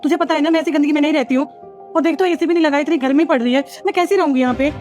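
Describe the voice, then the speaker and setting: A woman's voice: high voice, rapid-fire, darkish tone, soft background music, close to an everyday voice. A woman as a fussy, complaining mother-in-law. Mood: indignant. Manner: complaining, indignant. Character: fussy mother-in-law, middle-aged woman, easily offended. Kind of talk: Hindi family drama acting.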